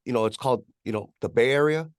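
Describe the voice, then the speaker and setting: Speaking fast in a mid-range voice with a clean tone, this Californian rapper and music producer chats casually as an interview guest. He rambles in a relaxed West Coast American accent, leaning on "you know" a lot. The studio sound is clean, with no room sound.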